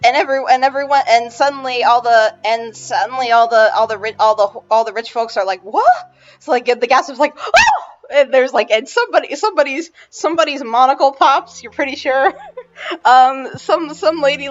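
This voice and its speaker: A woman's voice: sits high, a little fast. A woman narrating a tabletop game as game master, rambling with many restarts and fillers. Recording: dull lo-fi with faint music.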